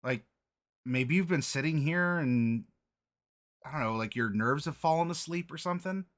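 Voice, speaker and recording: A man's voice: fairly high pitch, moderate pace, a bit bright. A man narrating an improvised tabletop game as game master, tentatively searching for words as he describes.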